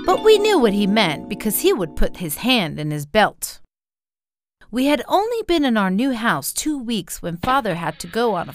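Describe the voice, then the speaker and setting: Expressive woman storyteller, lively pitch. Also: slight background noise. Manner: expressive storytelling, acting out quotes. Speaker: narrator. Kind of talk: scripted story narration.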